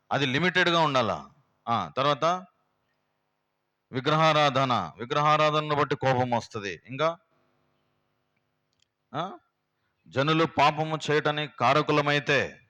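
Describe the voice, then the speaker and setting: A man preaching in a prayer house. He teaches in a plain, homely way and keeps throwing rhetorical questions to the congregation. His voice sits at a middle pitch for a man. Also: sharp tone. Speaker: pastor. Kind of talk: sermon teaching.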